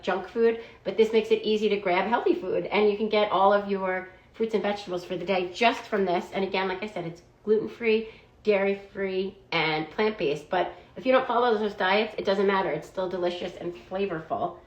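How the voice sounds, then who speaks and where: A woman giving a casual, chatty review of food products she likes, often padding her talk with "like" and "um". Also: medium pitch. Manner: chatty, fillers of "like" and "um". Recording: roomy echo.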